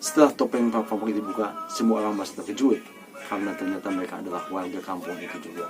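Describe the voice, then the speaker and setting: A man reading a children's story aloud in a steady, even way. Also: sits low, racing, music in the background.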